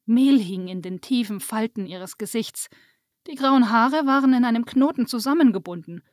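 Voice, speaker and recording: High-voiced woman reading a story. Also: lively intonation, normal speed, no room sound, studio quality. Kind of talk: reading a children's story aloud.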